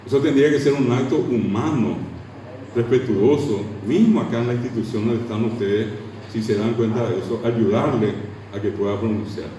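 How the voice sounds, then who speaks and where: A man's voice: medium pitch, normal speed, mellow, slight background noise. A man from Paraguay with a Paraguayan Spanish accent, giving a classroom lecture on language, asking the class questions and drilling sounds aloud. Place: lecture room. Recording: echoey hall from far off.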